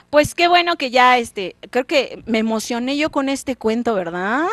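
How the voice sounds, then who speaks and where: A young Mexican woman hosting an educational program, telling a folk tale in an animated, expressive way. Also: no room sound. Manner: animated, expressive, with lively pitch swings. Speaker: storyteller host. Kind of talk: radio storytelling for school children.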